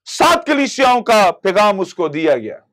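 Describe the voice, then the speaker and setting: A man's voice: high voice, big pitch swings, moderate pace, fairly bright tone. A middle-aged man from Pakistan, a pastor preaching a televised sermon in a studio on a lapel mic, with impassioned emphasis that rises and falls. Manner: gestures constantly with both hands.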